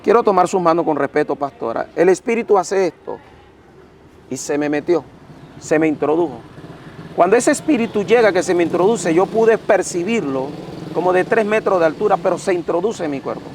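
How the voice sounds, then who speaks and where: A man's voice: high voice, animated, a little fast, darkish tone, a little hiss or hum. A man, a pastor, telling a dramatic personal testimony to an interviewer, his voice swelling and dropping with emotion. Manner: intense, dramatic storytelling that swells and drops.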